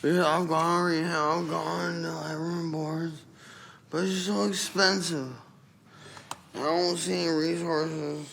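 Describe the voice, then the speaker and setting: A man giving unscripted personal testimony at a public meeting, halting and plain-spoken, with somewhat impaired articulation. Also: on the high side, little pitch movement, creaky, fairly bright tone. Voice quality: impaired articulation from a dislocated jaw. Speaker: public commenter. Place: council chamber at public microphone. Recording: faint background noise in meeting room.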